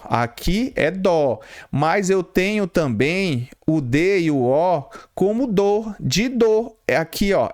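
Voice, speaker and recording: A fairly high-voiced Brazilian Portuguese man teaches a grammar lesson for exam preparation. He explains step by step, posing questions and answering them himself.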